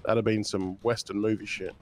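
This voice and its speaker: Man playing a fast-talking, polite but firm cop. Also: on the low side, little pitch movement, natural voice. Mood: wry. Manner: polite, procedural, wry. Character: polite but firm, wry male police officer. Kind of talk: improvised game role-play.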